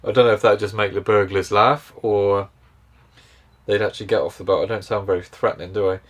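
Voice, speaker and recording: A man's voice: on the low side, fairly even intonation, brisk. A man casually reviewing a camera on his boat, easygoing and thinking aloud as he goes. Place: on and around a canal boat.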